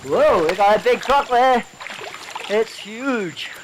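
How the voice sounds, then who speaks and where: A man's voice: sits high, lively intonation, slow pace, a crowd in the background, poor audio. A man talking casually on location during an expedition. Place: outdoors in and by a river. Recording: loud music over location sound.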